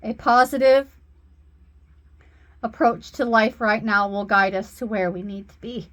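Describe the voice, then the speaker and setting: Female spiritual healer and card reader, slightly high voice, unhurried, earnest and reassuring. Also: steady tone, fairly bright tone. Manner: slow, earnest, reassuring delivery. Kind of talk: oracle card reading.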